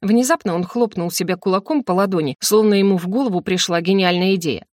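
A woman narrating a romance audiobook in first person, expressive and playful. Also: mid-range voice, quick pace, dry recording, clean studio sound.

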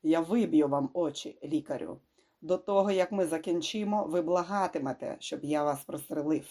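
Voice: medium pitch, normal speed, mellow, close to an everyday voice. A reader voicing a snarling sadistic gangster boss. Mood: gloating. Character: brutal male gangster boss, sadistic and menacing.

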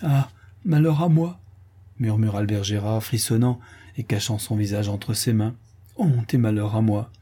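A man reading an audiobook and voicing a remorseful young soldier making a halting confession. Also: fairly low pitch, dark tone, husky. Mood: ashamed.

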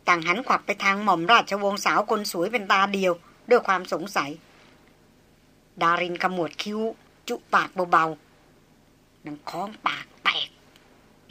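A woman narrating an audiobook in an expressive storytelling manner. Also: medium pitch.

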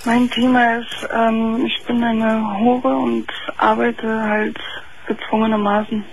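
A woman in her twenties calls in to a radio talk show by telephone, speaking hesitantly with many fillers. Her high-ish, creaky voice is slow with little pitch movement, coming through faint and thin over a muffled phone line with faint hiss.

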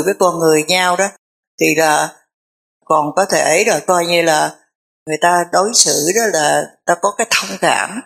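A Buddhist nun, telling a story in a conversational dharma talk. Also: female voice, on the low side, gravelly, fairly bright tone. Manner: conversational, repetitive fillers, drawn-out phrases.

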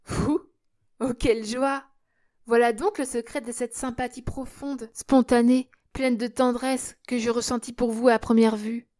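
Une lectrice faisant une jeune fille émue. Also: female voice, a little high, flat delivery, slow, mellow, dry recording, studio quality. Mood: joyful. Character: young woman, gentle and emotional fiancée. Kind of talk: audiobook character reading.

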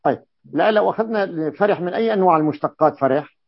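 Gravelly man teaching grammar. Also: high voice, fast talker, no room sound. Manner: explains by repeating terms and asking checking questions. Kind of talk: classical grammar lesson with questions to students. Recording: dull lo-fi dry recording.

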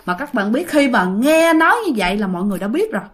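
A woman's voice: on the high side, big pitch swings, quick pace, fairly bright tone. Chatty Southern Vietnamese woman storyteller. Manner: chatty, addresses listeners directly. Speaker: ghost story narrator. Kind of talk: casual storytelling.

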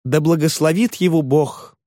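A man's voice: a little high, normal speed, dark tone, dry recording, clean studio sound, voice pushed up, natural voice. A man putting on a gushing, tearful landlady. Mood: tearful rapture. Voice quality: trembling, effusive. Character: gushing, tearful middle-aged landlady widow.

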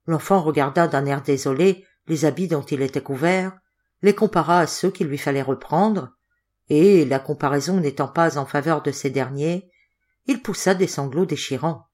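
A woman narrating a storybook aloud. Her voice sits fairly low and her reading is measured and expressive. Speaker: audiobook reader.

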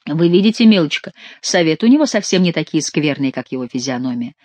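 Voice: medium pitch, lively intonation, fast talker, darkish tone, dry recording, close to an everyday voice. Amorous young male king, tender and effusive, as an audiobook reader puts him on; dry, close sound. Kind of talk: audiobook character reading.

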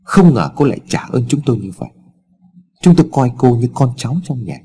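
A man doing a cold, scheming old father in a storybook, barking curt and scornful orders. The voice is husky and warm, and its pitch swings widely. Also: sing-song, a little fast. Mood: harsh.

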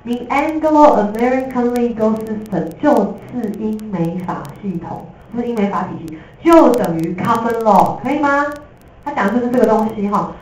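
A woman teacher with a Taiwanese Mandarin accent gives a lively, jokey classroom lecture, slipping in English terms. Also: fairly high pitch, moderate pace. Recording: echoey room from a distance.

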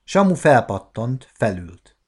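A man in his forties from Hungary, narrating a novel as an audiobook in a calm, measured manner. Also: medium pitch, slightly rough. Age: 40s.

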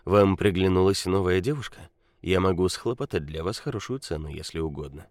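A man voicing a calm, calculating mafia consigliere who speaks quietly and politely. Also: low-pitched, brisk, dry recording, clean studio sound, close to an everyday voice. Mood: smooth, probing.

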